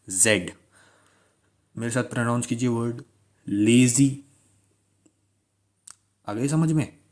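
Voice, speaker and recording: A man teaching shorthand strokes, repeating key words and asking listeners to pronounce along. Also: medium pitch. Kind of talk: classroom-style tutorial.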